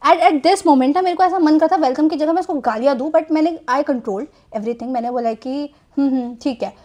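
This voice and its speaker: A young woman tells a personal story in a relaxed, chatty vlog style. Her voice sits high. She drops English phrases into her speech and keeps adding small fillers as she goes. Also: moderate pace. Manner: chatty, mixes Hindi with English phrases, frequent "theek hai" fillers. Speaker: storytime vlogger. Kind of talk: casual storytelling monologue.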